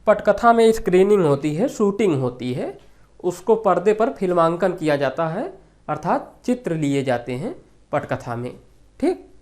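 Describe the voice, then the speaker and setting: A Hindi exam-prep teacher lecturing on grammar questions, who repeats key phrases and asks the class rhetorical questions. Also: mid-range voice.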